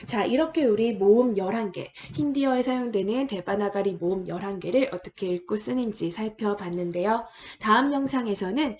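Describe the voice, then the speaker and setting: A woman's voice: mid-range voice, normal speed, few pauses, darkish tone. A woman lecturer patiently explaining, step by step, how to draw letters in an online language lesson.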